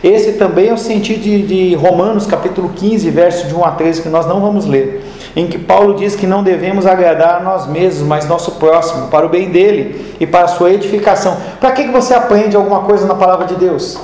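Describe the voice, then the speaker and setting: A man's voice: high-pitched, a little fast, warm tone. A man preaching a sermon in a conversational way, mixing scripture with homely stories. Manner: conversational, tells homely anecdotes. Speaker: pastor. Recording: echoey hall with faint noise.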